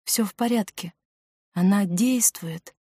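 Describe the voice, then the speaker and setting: A woman's voice: mid-range voice, lively intonation, a little slow, dark tone, breathy edge, no echo, clean studio sound. A woman reading the part of a devoted, determined young woman in an audiobook. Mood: quiet, firm.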